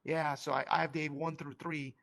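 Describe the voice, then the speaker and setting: A man with a fairly high, gravelly voice speaks as a guest in an interview. He tells stories casually and animatedly, with plenty of fillers. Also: normal speed. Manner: animated, acts out quoted voices, lots of fillers. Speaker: company co-founder and CEO, interview guest.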